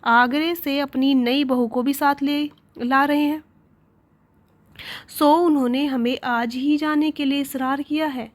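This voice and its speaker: A woman's voice: high voice, fairly even intonation, takes it slowly. A woman voicing a young husband who insists on leaving today and teases his wife with mild sarcasm. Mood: insistent.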